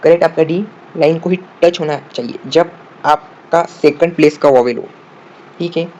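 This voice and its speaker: A man explains shorthand step by step, asking the viewer questions and answering them himself, sometimes spelling words out slowly. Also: on the high side, darkish tone. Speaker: shorthand teacher. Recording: dull lo-fi audio with faint room noise.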